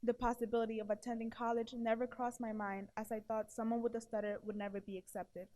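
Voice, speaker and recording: A woman in her early twenties gives an earnest, prepared testimonial to an audience as an award presenter. Her voice sits on the high side with a warm tone, and she talks fast in a flat delivery. She stutters, with blocks and repeated syllables.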